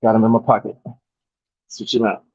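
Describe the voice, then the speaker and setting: A man's voice: lowish voice, flat delivery, brisk, a little mellow, breathy edge, no echo. A man chatting casually as a livestream guest, his voice coming through a bad earbud mic that makes it sound muffled and underwater. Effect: muffled, underwater-sounding audio from bad earbuds mic. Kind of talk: casual chat. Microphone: earbuds over a call. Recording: dull, muffled call audio.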